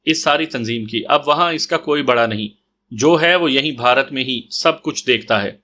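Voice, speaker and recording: A man's voice: medium pitch, bright, forceful tone, close to an everyday voice. A man reading the lines of a brash young woman investigator in an audio story, in a blunt, direct way. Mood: matter-of-fact.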